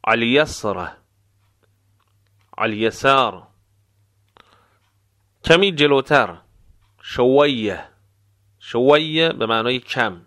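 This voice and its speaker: Bright-voiced man drilling Arabic phrases. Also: mid-range voice, animated. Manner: drills phrases slowly, explains pronunciation. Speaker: Arabic dialect teacher. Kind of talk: language lesson with slow repetition.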